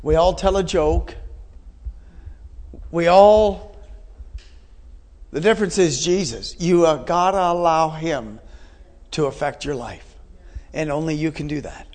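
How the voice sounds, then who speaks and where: A man's voice: on the high side, slow pace, long pauses, a little mellow. A man in his forties preaching a sermon in an earnest, repetitive way, asking his listeners questions. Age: 40s. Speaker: pastor.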